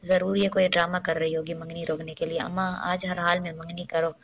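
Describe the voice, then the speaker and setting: A woman's voice: lowish voice, flat delivery, fairly quick, creaky, slight background noise. A woman voicing a greedy, scheming young man who talks bluntly.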